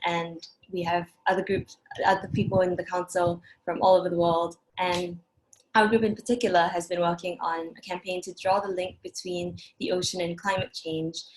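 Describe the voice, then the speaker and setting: A young woman from Singapore introducing her group on a video call, relaxed and friendly. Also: fairly low pitch, low-quality recording. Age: young adult. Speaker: youth council member. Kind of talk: casual introduction.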